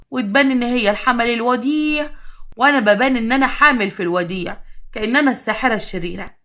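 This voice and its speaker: Woman narrator as a sarcastic, scheming Egyptian daughter-in-law, fast. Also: a little high, a bit bright, lightly acted. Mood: complaining. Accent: Egyptian Arabic. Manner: defiant, sarcastic. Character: scheming young Egyptian wife, quarrelsome.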